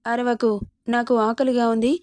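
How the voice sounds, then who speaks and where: A woman's voice: on the high side, little pitch movement, normal speed, darkish tone, dry recording, studio quality, close to an everyday voice. A woman voicing a short-tempered young husband who speaks curtly in a storybook romance. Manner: curt, cold.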